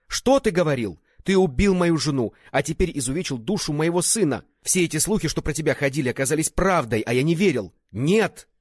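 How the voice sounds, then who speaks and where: A man voicing a furious, grief-stricken young swordsman who shouts accusations in an audiobook. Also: a little high, lively intonation, a little fast, few pauses, no echo, clean studio sound, voice pushed up. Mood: furious shouting.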